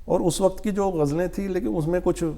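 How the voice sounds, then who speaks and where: An older man being interviewed as a guest poet, telling stories at an unhurried pace and acting out what others said to him. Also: high-pitched, fairly even intonation, warm tone. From India. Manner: unhurried anecdotes, acting out quoted speech. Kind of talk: storytelling interview.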